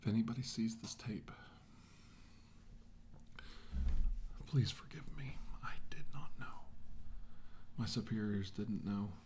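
In an ASMR drama, a middle-aged male role-play actor plays a grim, remorseful military scientist. His natural voice is on the low side, and he delivers slow, short phrases in a hushed, halting way that often drops to a whisper. His hushed voice is heard over clear background noise.

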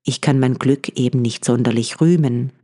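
A woman voicing a sheepish, plain-spoken farmer in a storybook reading, with a husky, apologetic voice. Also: extremely low pitch, moderate pace, mellow.

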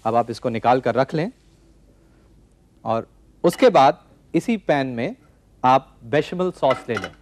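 A man in his forties hosting a TV cooking show, calmly explaining a recipe step by step from a studio kitchen set. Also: mid-range voice, slow pace, pauses often, no room sound. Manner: calm step-by-step instructing. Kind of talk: cooking demonstration.

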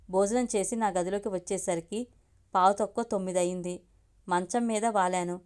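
A woman's voice: mid-range voice, a little mellow, clean tone. A woman reading a story aloud as the channel's storyteller, narrating steadily in the first person.

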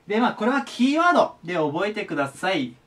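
High, lively-voiced man teaching vocabulary. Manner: repeats each word slowly and clearly; friendly polite explaining tone. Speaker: English teacher. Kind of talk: casual online vocabulary lesson. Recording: voice a bit far from the mic.

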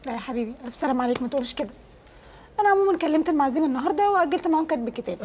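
A woman with an Egyptian Arabic accent playing an insistent bride-to-be who needles her fiancé quickly. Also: high-pitched, expressive, a little mellow, slight background noise. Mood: needling. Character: impatient bride-to-be, sharp and insistent.

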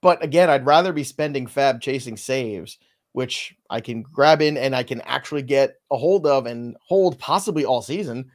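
A man's voice: mid-range voice, moderate pace. A man hosting a live fantasy baseball show, trading playful, upbeat banter and setting up segments. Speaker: host.

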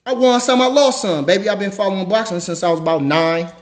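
A high-pitched man in his late thirties riding a hyped livestream rant. He is a former boxer, and he talks brash and loud, trash-talking and calling people out, sometimes shouting. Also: quick pace.

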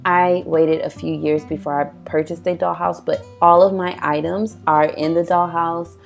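A young woman with a tired, raspy voice, chatting enthusiastically through a doll collection tour in a voice-over, with plenty of ums. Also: on the low side, level tone, moderate pace. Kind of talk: casual show-and-tell narration. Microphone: voice-over, not recorded on camera. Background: soft guitar music.

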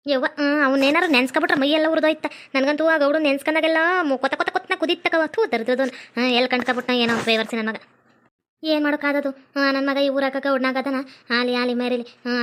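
A fussing middle-aged village mother, played by a woman in a comedy skit, talking fast. Her voice is high and fairly level. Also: lightly acted. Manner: chatty, fussing, quick-talking.

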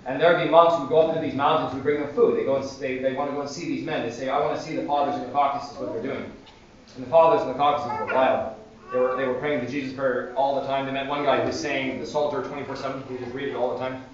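A male priest giving a sermon in a church, telling stories with animated energy. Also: mid-range voice, racing. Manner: animated storytelling. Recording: distant echoey church, dull sound.

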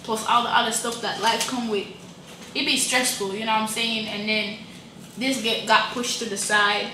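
Young woman, kinda high voice, slangy and chill, far from the mic in an echoey room. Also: steady tone, moderate pace, sharp tone, a little hiss or hum. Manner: laid-back, slangy, draws out words. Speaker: vlog co-host. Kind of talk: casual chat.

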